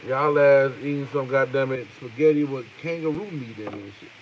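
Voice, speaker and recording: A comedian talking live to his viewers in a loose, profane, riffing banter, shouting out names and joking. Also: medium pitch, steady tone, brisk, dull audio, a little hiss or hum. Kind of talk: rambling live-stream chat.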